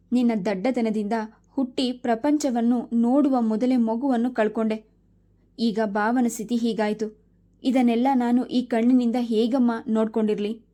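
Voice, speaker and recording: Lady reading as a sad middle-aged brother in a story, soft teary voice, mellow. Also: a little high, lightly acted. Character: grieving middle-aged brother comforting his sister.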